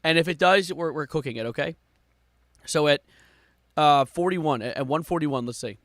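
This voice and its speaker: A man doing live stream reaction commentary with exasperated, sarcastic complaining, moving between muttering and louder outbursts. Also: a little high, moderate pace, no room sound, studio quality.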